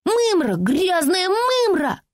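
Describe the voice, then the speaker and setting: A woman reads aloud as a small, earnest girl with prim, old-fashioned phrasing, pitched high above an ordinary speaking voice. The lines leap up and down in lively swings. The booth is dry, with no room sound. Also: normal speed, dry recording. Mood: shouting. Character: small bookish girl, earnest and easily hurt. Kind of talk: audiobook character voicing.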